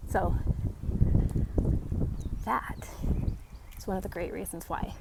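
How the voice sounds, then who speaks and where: Creaky-voiced woman chatting on an outdoor walk. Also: on the low side, steady tone. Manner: conversational, explanatory, with short halting phrases. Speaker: host of an outdoor tree identification vlog. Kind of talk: casual talk to camera while out walking. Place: outdoors along a residential street on a walk. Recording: faint outdoor background noise.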